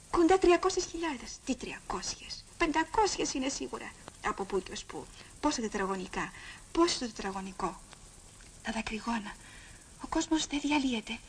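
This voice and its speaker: Casting: young woman in her twenties, breathy intense stage monologue, higher voice, light background hiss. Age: 20s. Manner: breathy, drops to whispers, bursts into chants. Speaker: former student protester recalling. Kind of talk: dramatic monologue.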